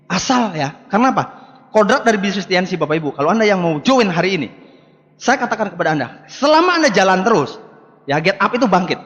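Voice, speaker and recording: With a high, sing-song, fairly bright voice, a motivational business speaker in his forties rushes through an emphatic seminar speech in a large hall. He repeats rallying words and addresses the live crowd directly, and the recording sounds echoey, dull, and lo-fi.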